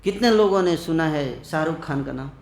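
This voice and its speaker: A man preaching at a festival, his voice sitting a little high as it carries through a reverberant hall. He tells the story animatedly, acting out the quoted lines, and keeps firing short questions back at the crowd. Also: expressive, moderate pace, gravelly. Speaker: ISKCON preacher. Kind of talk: festival sermon to a live audience.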